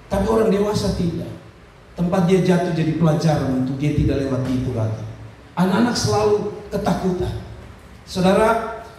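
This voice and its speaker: Pastor preaching, echoing hall. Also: male voice, high voice, a little mellow. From Indonesia. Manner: direct, scolding, repeats phrases for emphasis; calls out to the congregation with "saudara" and "amin". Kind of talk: sermon. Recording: echoey hall recorded from far off, faint ambience.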